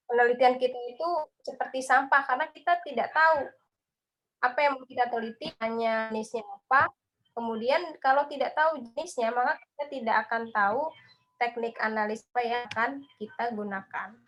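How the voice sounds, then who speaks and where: Woman, fairly high voice, online lecture, explanatory speaking, video call. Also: a bit bright, rough recording.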